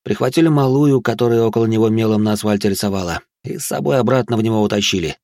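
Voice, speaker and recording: A gloomy middle-aged beat cop, a little drunk, grumbling through his words, as an audiobook narrator puts him on. His voice is gravelly and low. The recording is dry and close. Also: fast talker, darkish tone, no room sound, lightly acted. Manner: grumbling, world-weary.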